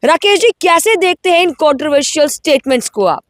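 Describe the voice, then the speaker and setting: A woman's voice: sits high, expressive, a little fast, no room sound. A woman anchoring a news interview and putting pointed questions to her guest.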